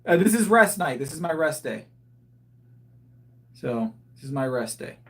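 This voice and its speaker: A livestreaming powerlifter in his 30s speaks a little slowly at a fairly high pitch with big swings in intonation. He casually reads out viewer comments and answers them, often restarting sentences while he thinks aloud.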